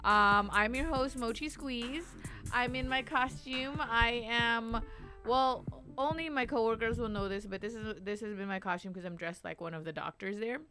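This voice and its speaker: A woman's voice: fairly high pitch, moderate pace, pushed and bright, soft background music. A woman hosting a live podcast, chatting casually and telling stories with lots of fillers. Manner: chatty, filler-heavy storytelling. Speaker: podcast host. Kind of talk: casual chat.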